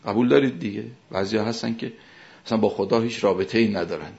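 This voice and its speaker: A low, gravelly male voice delivering a sermon, leaning hard on key words, then falling back and going quiet. The recording sounds dull and lo-fi. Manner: emphatic, rises and falls sharply in loudness. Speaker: cleric.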